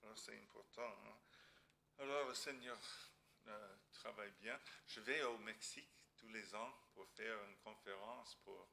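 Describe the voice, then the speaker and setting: Slow, bright-voiced man preaching in foreign-accented French. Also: fairly low pitch, gravelly, slight background noise. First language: not French. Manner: halting, searching for words, tag questions. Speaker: visiting missionary preacher. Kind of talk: church sermon.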